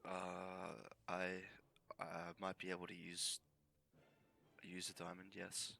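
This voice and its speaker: A man's voice: low voice, completely flat delivery, slow, gravelly, sharp tone. A man playing a tabletop game, blunt, sighing and swearing as he talks. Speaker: player. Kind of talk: casual tabletop play.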